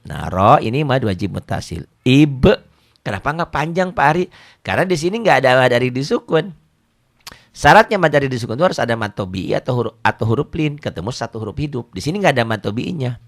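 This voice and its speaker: A middle-aged man, teaching Quran reading in a casual, joking way, often repeating words and reciting verses slowly. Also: medium pitch, very animated, vocal fry.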